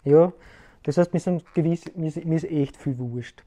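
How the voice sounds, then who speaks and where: A man hosting a self-help video speaks at a moderate pace in a mellow voice on the high side. His casual talk to camera wanders loosely, and he keeps checking in with the viewer by asking "ja?".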